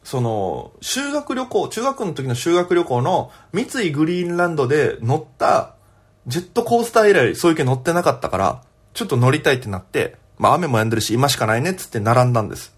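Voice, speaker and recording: A young man, a comedian, telling a story alone on his podcast in a chatty, animated way. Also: on the high side, fast, breathy edge.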